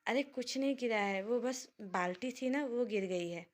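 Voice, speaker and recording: A woman voicing a gentle young wife who soothes her friend in a spoken story. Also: fairly high pitch, normal speed, close to an everyday voice. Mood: soothing. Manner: soothing, placating.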